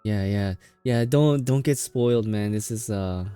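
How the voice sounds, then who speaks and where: A man's voice: on the low side, unhurried, dark tone, clear, resonant tone, soft background music. A young man streaming a game, chatting emotionally with viewers and often restarting his sentences. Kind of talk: casual game stream chat.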